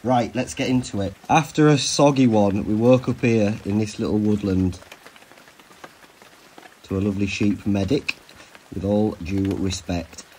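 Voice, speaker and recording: A man vlogs casually while on a long hike along a country road and moorland, camera held at arm's length, chatting and recapping the map in a tired, rambling way with frequent laughs. His voice is fairly low, fairly even, unhurried and a little mellow, with slight background noise and rough recording quality.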